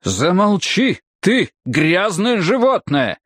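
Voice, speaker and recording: An outraged, gray-haired gentleman in his fifties protests with a raised, strained voice, as the narrator puts him on. He sounds proper but indignant. The recording is dry and close. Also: high-pitched, very animated, slow, no room sound, voice pushed up, heavily acted. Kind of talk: audiobook character voicing.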